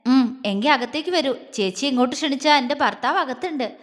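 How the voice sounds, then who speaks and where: A woman voicing a calm, stern young wife who speaks coolly and firmly. Her voice is high. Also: a little fast, in a large hall. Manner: cool, firm.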